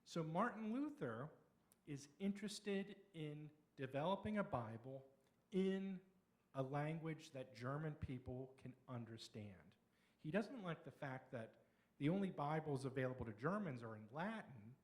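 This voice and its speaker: Middle-aged lecturer, male, fairly high voice, talks through slides in a chatty, explaining way. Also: animated. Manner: explanatory, conversational, with pauses and restarts. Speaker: local history speaker.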